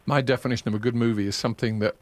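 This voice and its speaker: A man's voice: mid-range voice, steady tone, very fast, dry recording. A man hosting a casual radio chat, talking in a chatty, digressive way and laughing at his own asides. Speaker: radio host.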